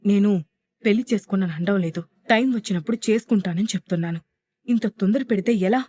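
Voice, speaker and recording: A woman's voice: medium pitch, fast, dark tone, no room sound, close to an everyday voice. Akshay, a woman voicing an evasive irritable young businessman.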